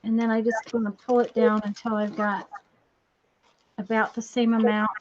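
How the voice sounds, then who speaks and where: Female craft tutorial host, slightly high voice, folksy and apologetic, heavy echo, muffled lo-fi audio. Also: little pitch movement, normal speed. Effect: strong distracting echo on the voice. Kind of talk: casual live craft demonstration. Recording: dull lo-fi sound with bad echo.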